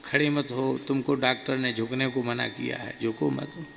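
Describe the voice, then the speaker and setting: A man doing an elderly guru, kindly yet firm, his gravelly voice lifted higher and louder as he scolds a disciple. The sound carries a long hall reverb over a faint hum of ambience. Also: flat delivery, normal speed. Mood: chiding. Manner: gently scolding, raised and emphatic. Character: elderly male guru, kindly but firmly chiding.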